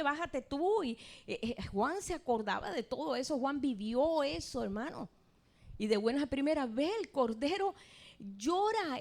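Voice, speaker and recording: Fervent woman preaching a sermon. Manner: swings from soft, low pleading to loud, high proclaiming.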